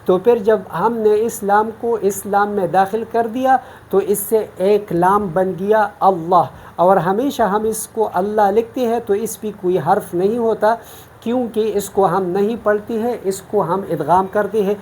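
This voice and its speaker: A woman's voice: medium pitch, fairly even intonation, a little mellow, slight background noise. A woman from Pakistan teaching Quran recitation in an online lesson, explaining each rule patiently, step by step.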